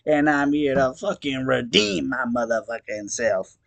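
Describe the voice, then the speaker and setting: Man reading as a repentant clown troll, gravelly, slow and weepy with a lot of swearing. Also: medium pitch, animated, fairly bright tone, no room sound. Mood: tearful ranting. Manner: slow drawling rant full of swearing. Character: sobbing male clown troll, crude and repentant.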